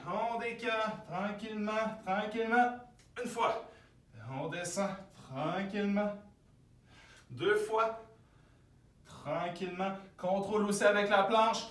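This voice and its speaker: Québécois male fitness coach, high voice, unhurried, recorded from afar in an echoey gym. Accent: Québécois French. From Quebec. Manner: counts reps aloud, louder and higher during sets. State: exercising while talking. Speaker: fitness instructor. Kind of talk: guided workout with counting. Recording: echoey room, voice from far off.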